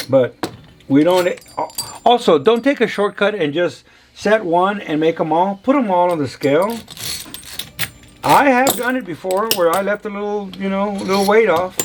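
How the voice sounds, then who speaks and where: A man's voice: sits high, background noise. A man, casually demonstrating engine balancing in a workshop in a playful, chatty way. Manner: chatty, playful, talks to viewers as y'all. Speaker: machinist teaching engine balancing. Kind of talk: casual hands-on shop demonstration.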